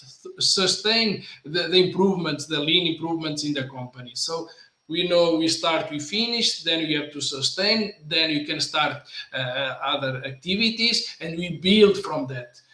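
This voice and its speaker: A man talks as an interview guest, his voice fairly high and bright with a forceful edge. He pauses and hunts for words in English. The room around him rings with echo. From Portugal. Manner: halting, searches for words in English. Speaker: guest, lean consultant. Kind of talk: casual interview conversation. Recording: roomy echo.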